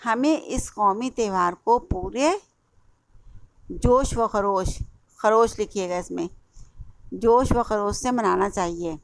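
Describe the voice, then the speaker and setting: Female Urdu teacher, Indian accent, slow and repetitive, spells words out, dry close sound. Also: mid-range voice, creaky, dry recording. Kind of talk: classroom lesson explaining a workbook.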